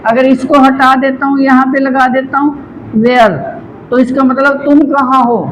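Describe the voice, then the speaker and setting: A man's voice: extremely high pitch, flat delivery, unhurried, a bit bright, dull audio, a little hiss or hum. A man teaching English grammar to a classroom of students in Hindi with a Haryanvi accent, coaching them patiently and calling them "beta". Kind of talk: classroom lesson.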